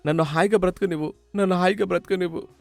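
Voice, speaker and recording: A man's voice: sits high, lively intonation, rapid-fire, a little mellow, faint music behind, pitched above the performer's own voice. A man voicing a melodramatic young son who weeps at the idea of marriage, with a whiny, tearful manner.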